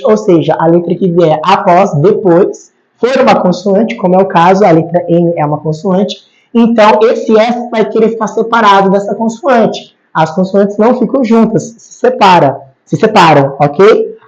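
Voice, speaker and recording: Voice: medium pitch, measured pace. A teacher explains grammar rules at a board patiently, repeating each rule and checking in with the class. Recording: slightly dull lo-fi recording.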